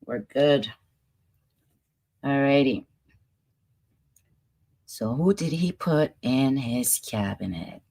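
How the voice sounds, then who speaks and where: Her voice is deep, bass-like and dark, yet highly expressive, and she speaks extremely slowly with frequent pauses. The French-accented woman hosts a relaxed commentary show, playfully chatting about news clips, laughing and musing as she goes.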